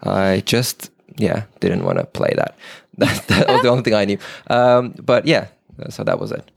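A young man from Turkey, a native Turkish speaker with a slight British accent, chatting as a guest in a halting, meandering way full of restarts. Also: on the low side, wildly swooping pitch, creaky, no room sound, studio quality. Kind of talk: casual chat.

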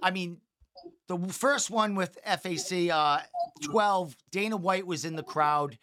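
A man hosting a podcast, asking long, halting questions full of restarts. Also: high-pitched, fairly bright tone. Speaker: podcast host. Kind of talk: casual interview.

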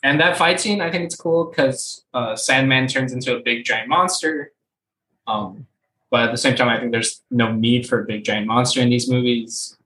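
A man's voice: medium pitch, moderate pace, pushed and bright, a little hiss or hum. Rambling young man in an echoey room. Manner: rambling, filler-heavy, opinionated. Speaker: podcast co-host. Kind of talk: casual chat.

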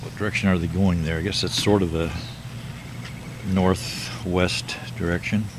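Low-voiced older guy rambling matter-of-fact outside, noisy outdoor video. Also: fairly even intonation. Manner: slow, plain, matter-of-fact musing. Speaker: video maker. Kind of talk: rambling self-filmed monologue.

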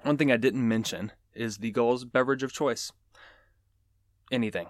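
A man's voice: mid-range voice, moderate pace, no echo, studio quality. A man hosting a nature show, explaining animal facts in a casual, joking way with chatty asides. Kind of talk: casual educational podcast talk.

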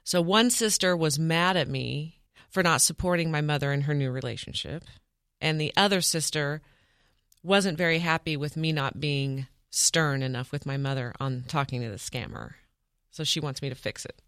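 A woman's voice: low voice, normal speed, a bit bright, dry recording. Woman recounting a family story, dry sound. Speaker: interview guest. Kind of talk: telling a personal story.

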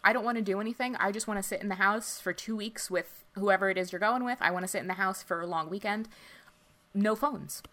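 A woman's voice: medium pitch, a little fast, a bit bright. A woman co-hosting a podcast in casual chat, rambling with lots of filler words. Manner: chatty, lots of likes and you-knows. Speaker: podcast co-host.

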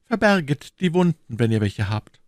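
A man's voice: medium pitch, very animated, moderate pace, a little mellow, dry recording, clean studio sound, pitched above the performer's own voice, lightly acted. A man voicing a young musketeer in an audiobook, theatrical and declamatory, swinging between gloom and rapture. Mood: melancholy. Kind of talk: audiobook character voice.

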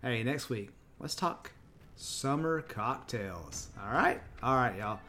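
A man's voice: mid-range voice, animated, takes it slowly, sharp tone, faint music behind. A man from Texas with a Texan accent, hosting a solo podcast in a casual, chatty way and correcting himself as he goes. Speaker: podcast host.

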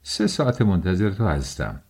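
A man's voice: sits low, sing-song, a little mellow, slightly rough, full character voice. A man voicing an eager, chatty young friend. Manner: eager, talkative, coaxing. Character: cheerful fussing young male friend.

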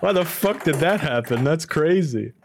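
Man, game master, livestream, excitable banter, swears, lively pitch. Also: moderate pace, gravelly, a little hiss or hum.

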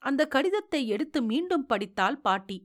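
A woman narrating a literary story aloud in a measured, expressive way. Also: high voice.

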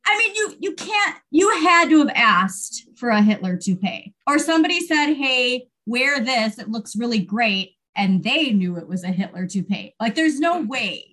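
Higher-pitched American woman co-hosting a podcast. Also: sing-song, moderate pace, hardly any pauses, fairly bright tone. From United States. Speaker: podcast co-host. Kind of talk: casual podcast talk with read-out quotes.

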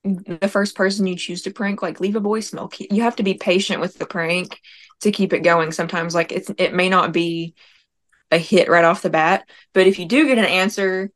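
A woman's voice: on the low side, steady tone, normal speed. Chatty young woman guest. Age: young adult. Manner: chatty, many fillers. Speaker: guest, nurse and prank caller. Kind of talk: casual interview answers.

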